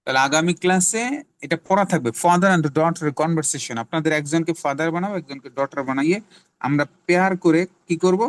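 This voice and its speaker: A man's voice: a little high, fairly quick, clean tone. A man from Bangladesh whose first language is Bengali, teaching an English class. He repeats words again and again for drilling and switches languages mid-sentence.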